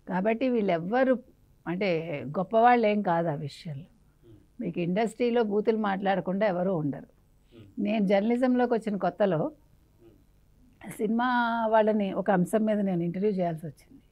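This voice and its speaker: Indignant woman journalist, lo-fi. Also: medium pitch. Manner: indignant, forceful, scolding. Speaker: interviewee, journalist. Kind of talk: heated political interview.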